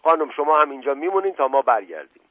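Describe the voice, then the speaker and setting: A man's voice: medium pitch, no room sound, voice pushed up, natural voice, low-quality recording. A man voicing a curt, bullying male police inspector who barks clipped commands. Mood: commanding.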